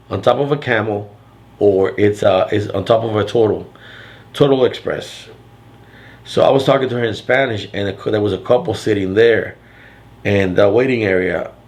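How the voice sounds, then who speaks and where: An older man with a deep, loud voice, telling a rambling story in a casual vlog, restarting sentences often. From Florida. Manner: rambling with frequent restarts and fillers. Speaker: vlogger.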